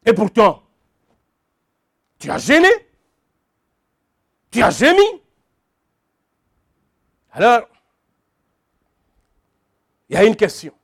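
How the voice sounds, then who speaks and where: A man's voice: high voice, huge pitch swings, drawn-out words, vocal fry, pauses often, a bit bright, slightly rough, dry recording, clean studio sound. A man preaching a sermon, emphatic and repetitive, calling out to his congregation. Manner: emphatic, repeats phrases, calls out to the congregation.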